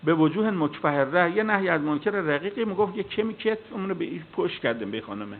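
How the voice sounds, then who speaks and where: Male preacher, fairly high voice, lively storytelling sermon, thin phone-like recording. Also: a little hiss or hum. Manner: storytelling with acted dialogue, animated. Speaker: cleric and preacher. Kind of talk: sermon with anecdotes. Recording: tinny phone-like sound.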